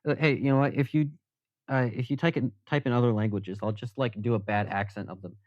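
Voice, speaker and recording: A man's voice: medium pitch, fairly even intonation, a little fast, dry recording. A man live-streaming from his workbench, chatting casually and jokingly with many fillers while he works. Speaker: livestreamer. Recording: dull, slightly lo-fi stream audio.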